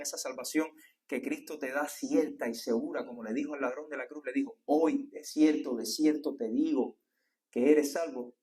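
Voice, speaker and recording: A man's voice: on the high side, darkish tone, husky. A man with a Cuban accent preaching a sermon to his church, asking the congregation question after question and often tagging an "¿eh?". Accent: Cuban Spanish. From Cuba. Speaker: pastor.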